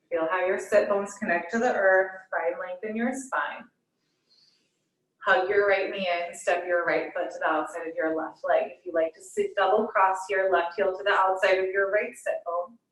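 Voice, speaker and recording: A woman yoga teacher guiding a class in a soothing, unhurried manner, with gently inviting cues and pauses between them. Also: medium pitch. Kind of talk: guided hatha yoga instruction. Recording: echoey room, distant microphone.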